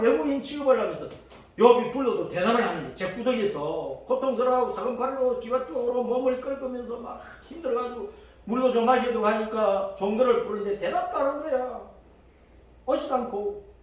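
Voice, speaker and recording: A male pastor preaching a sermon, animated and often acting out the voices of the people he quotes. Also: very high-pitched, a little fast. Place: church sanctuary. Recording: echoey church hall from far off.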